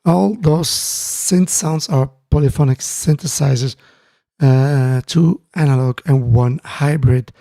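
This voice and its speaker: Chatting casually on a live stream from his home music studio, a man whose first language is Dutch greets viewers in the chat. His mid-range voice is gravelly and mellow, and his delivery is halting, with many fillers and restarts; no room sound is audible.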